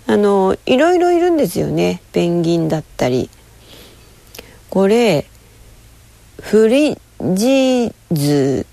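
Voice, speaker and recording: A woman chatting casually to camera, rambling and telling a story with lively, acted-out quoted voices. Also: deep voice, gravelly, no echo. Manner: lively, rambling, with frequent fillers.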